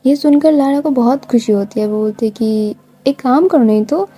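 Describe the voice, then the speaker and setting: Dark-voiced woman telling a story. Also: high voice, moderate pace, breathy edge. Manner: chatty, informal retelling with many fillers. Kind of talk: casual spoken story narration with voiced dialogue.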